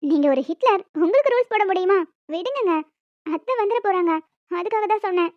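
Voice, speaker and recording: A woman doing a very high, feisty cartoon young wife. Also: lively intonation, fairly quick, no echo, lo-fi sound. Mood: flustered scolding. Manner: scolding, flustered pleading. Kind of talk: cartoon voice acting.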